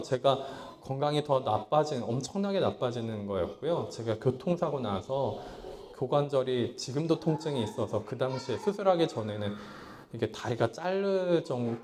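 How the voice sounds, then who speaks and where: Slight background noise runs under this sermon in a small church hall, where a male pastor shifts between hushed passages and loud pleas. He voices his past thoughts as if quoting himself.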